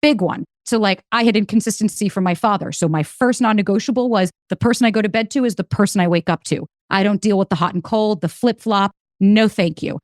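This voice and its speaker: A woman guest on a podcast, telling stories and giving dating advice in a lively, emphatic way. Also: mid-range voice, dry recording, clean studio sound. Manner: animated storyteller, fast and emphatic. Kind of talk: casual interview chat.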